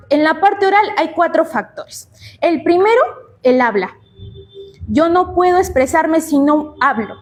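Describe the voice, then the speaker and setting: A woman's voice: sits high, a little mellow. A young Peruvian woman giving a conference talk on public speaking, asking rhetorical questions and answering them herself. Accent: Peruvian Spanish. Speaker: speaker at a regional congress.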